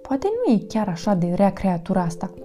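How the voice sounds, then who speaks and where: A woman's voice: expressive, creaky, dark tone, faint music behind. Woman doing Arlo, a frightened young boy dinosaur. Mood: plain. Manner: high, crying out.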